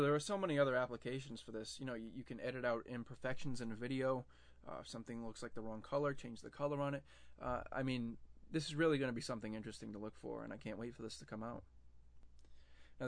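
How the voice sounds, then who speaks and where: A man's voice: medium pitch, no echo. A young man hosting a tech news podcast, talking through stories in a chatty, casual way with plenty of fillers and restarts.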